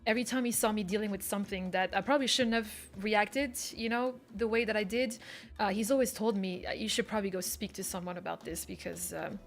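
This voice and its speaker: A woman's voice: mid-range voice, fairly even intonation, brisk. A woman streamer talking candidly and rambling with her viewers in casual chat, often restarting her sentences.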